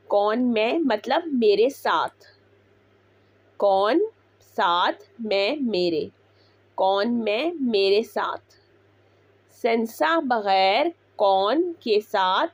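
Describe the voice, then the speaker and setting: A woman teaching Italian words, repeating each one slowly before explaining it. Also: on the high side, no echo. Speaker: language teacher. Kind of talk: slow Italian vocabulary lesson.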